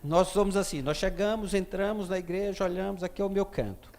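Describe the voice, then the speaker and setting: A man preaching a sermon as a pastor, telling a story with a Brazilian Portuguese accent and acting out the dialogue, at times loud and at times hushed. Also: sits high, fairly even intonation, a little fast.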